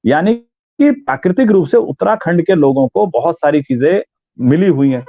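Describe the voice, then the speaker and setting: A man's voice: fairly high pitch, lively intonation, normal speed, no echo. A man from Uttarakhand, a voice and theatre artist, giving an interview about voice training and demonstrating sounds aloud. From Uttarakhand, India. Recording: tinny phone-like line, dry.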